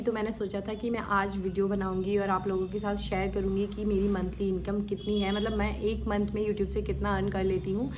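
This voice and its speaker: A woman's voice: mid-range voice, noisy background. A woman YouTuber talking casually and encouragingly to her viewers. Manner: chatty, encouraging, direct address to viewers. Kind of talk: casual vlog talk to viewers.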